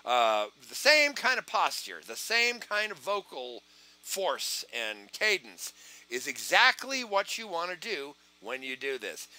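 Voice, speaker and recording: Animated, bright-voiced male sales trainer. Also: high-pitched, no room sound, low-quality recording. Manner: animated, acts out phone calls. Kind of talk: live online training session.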